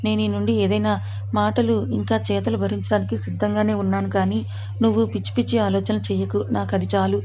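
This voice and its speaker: A woman's voice: mid-range voice, level tone, quick pace, dark tone, muffled recording, close to an everyday voice. A woman voicing a doting young husband who coaxes and soothes his pregnant wife in a story reading. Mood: soothing. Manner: coaxing, affectionate. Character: doting young husband, patient but short-fused.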